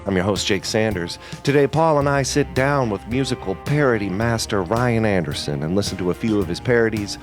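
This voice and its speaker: A man hosting a podcast, reading a smooth, scripted show introduction. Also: on the low side, lively intonation, a little fast, few pauses, soft background music. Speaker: host.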